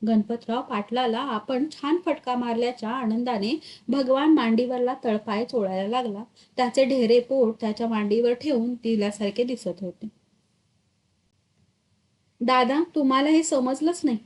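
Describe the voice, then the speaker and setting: A woman reading a literary short story aloud, expressive and dramatic in her storytelling. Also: a little high, normal speed. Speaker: story reader.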